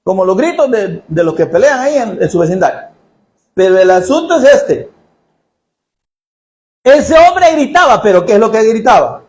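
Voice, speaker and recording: Man preaching, very high voice, lively, jokey, echoey church hall. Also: normal speed, long pauses. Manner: animated, jokey, asks the congregation questions. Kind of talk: sermon.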